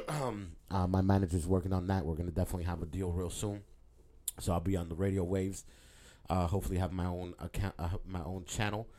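A male comedian rambles through a casual podcast monologue, full of "like" and "you know" and swearing. His voice sits low and sounds mellow and warm. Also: steady tone, fairly quick. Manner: rambling, loose, heavy filler and profanity. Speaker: stand-up comedian and podcast host.

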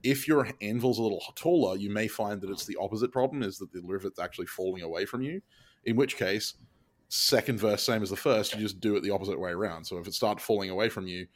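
A man's voice: lowish voice, quick pace. A man giving casual, plain-spoken instruction as a blacksmith podcast host.

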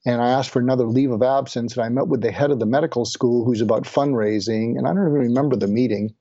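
A man's voice: medium pitch, fairly even intonation, fast, warm tone, dry recording, lo-fi sound. An older man from the area tells his own story earnestly and reflectively as an interview guest. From Boston area, USA. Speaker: guest, physician.

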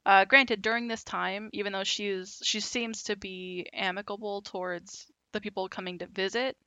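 A woman hosting a podcast, telling a story in a relaxed, casual way with lots of fillers. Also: medium pitch, moderate pace, dry recording. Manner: relaxed, with many fillers and asides.

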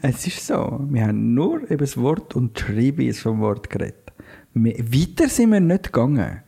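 A man's voice: mid-range voice, big pitch swings, normal speed, gravelly, dark tone, breathy edge. A man with a Swiss German accent co-hosting a podcast, chatting casually in a joking, playful way. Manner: joking, playful, mock-meditative. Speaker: podcast co-host. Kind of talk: casual chat.

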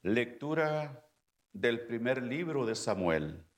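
A man's voice: medium pitch, very animated, slow. A man reading scripture aloud as a lector at Mass in a solemn style.

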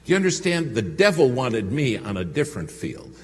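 A man's voice: mid-range voice, big pitch swings, a little fast. A man preaching a sermon to a congregation in a church, telling a story and speaking to the crowd. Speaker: pastor. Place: church sanctuary. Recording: long hall reverb with faint hum.

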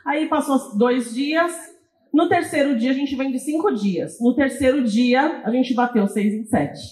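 Lively São woman guest who acts out her own quotes, high-voiced, in a roomy studio. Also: unhurried. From Brazil, São Paulo. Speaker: guest, course creator. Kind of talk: podcast interview storytelling.

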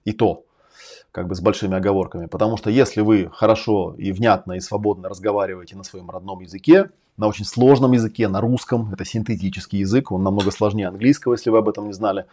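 A host and language-learning coach lectures on a live stream in a casual, emphatic way. His voice is lowish, mellow, and fast, and he's categorical in his claims and swears often.

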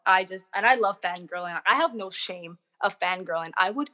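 A young woman talks as an interview guest in an easy, chatty way. She tells her stories with animation and acts out the quotes in them. Her voice sits in a middle pitch. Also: normal speed, pushed and bright. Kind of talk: casual interview chat.

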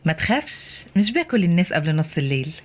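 A woman with an Egyptian Arabic accent voicing a disfigured 36-year-old patient in an audio drama, talking softly with dry teasing. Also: on the low side, very animated, fast talker. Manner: soft, sometimes whispering, dryly teasing.

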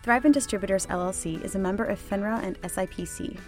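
A woman reading a scripted legal disclaimer quickly, as an announcer. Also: mid-range voice, a little mellow, faint music behind.

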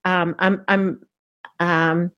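A woman's voice: lowish voice, flat delivery, drawn-out words, a bit bright, no room sound, lo-fi sound. A woman hosting an interview, chatty and encouraging toward her guest. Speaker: podcast host. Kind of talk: casual interview chat.

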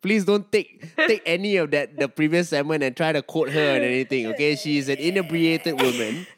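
A man's voice: fairly high pitch, a little fast, a crowd in the background. A man with a Singaporean accent hosting a casual podcast, chatting colloquially with swearing, repeated phrases and Singlish particles. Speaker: podcast host.

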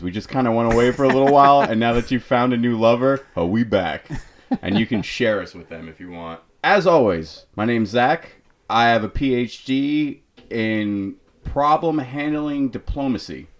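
A man hosting a podcast in casual chat, jokey and swearing freely, often breaking into laughter. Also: mid-range voice. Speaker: podcast host.

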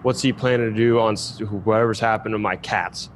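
A man's voice: fairly even intonation, fairly quick, slight background noise, natural voice. A man voicing a nervous middle-aged male motel owner who rambles anxiously about his many cats. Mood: fretful. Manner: rambling, fretful, voice jumping high when upset.

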